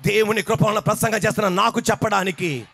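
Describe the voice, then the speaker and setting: High-pitched, gravelly impassioned preacher man. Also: fairly even intonation, quick pace, soft background music. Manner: impassioned sing-song preaching, building to shouts. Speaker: pastor. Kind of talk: sermon.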